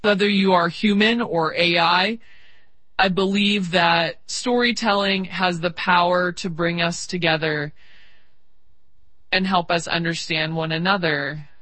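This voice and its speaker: Someone voicing a slow, bright AI storyteller. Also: medium pitch, steady tone, breathy edge, dry recording. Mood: earnest. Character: friendly sentient AI assistant, eager storyteller.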